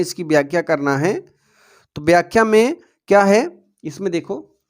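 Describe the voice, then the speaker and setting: A man teaching students how to write board exam answers, calling them dear children and often telling them to pay attention. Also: sits high. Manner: recites verse slowly and deliberately. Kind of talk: exam-prep lesson for students.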